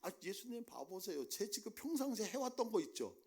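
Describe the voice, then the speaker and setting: A man's voice: high voice, very animated, brisk, dark tone, breathy edge, voice pushed up, exaggerated voice. A preacher acting out a boastful male disciple who points at others and swears he will never betray. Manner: teasing, exaggerated boasting.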